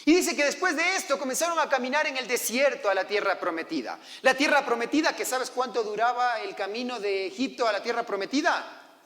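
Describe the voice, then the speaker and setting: A man's voice: very high-pitched, brisk, pushed and bright. A man preaching a sermon as pastor, telling the story and acting out the voices of its characters. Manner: storytelling, acting out quoted voices, asking the congregation. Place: church hall. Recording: long church hall reverb.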